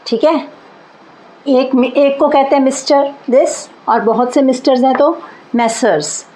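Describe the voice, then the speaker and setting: Slow, patient woman teaching grammar. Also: sits high, steady tone, mellow, low-quality recording. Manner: slow, patient explaining with repeated examples. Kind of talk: Hindi grammar lesson.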